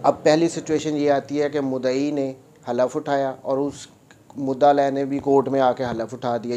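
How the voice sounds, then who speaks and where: A man with a Pakistani accent, an advocate, presents an explanatory law lecture, restating points didactically in other words and mixing in English terms. His voice is mid-range and mellow.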